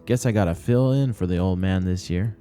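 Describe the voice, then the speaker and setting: A man voicing a folksy, good-natured middle-aged village housewife in a storybook, with drawn-out delivery. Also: deep voice, dark tone, faint music behind, voice pushed up, lightly acted. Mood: resigned.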